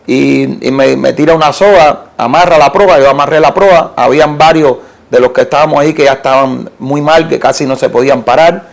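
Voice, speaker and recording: A man from Cuba with a Cuban Spanish accent, telling an animated story as an interview guest, with halting restarts and repeated words. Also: mid-range voice, vocal fry. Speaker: interview guest, art collector.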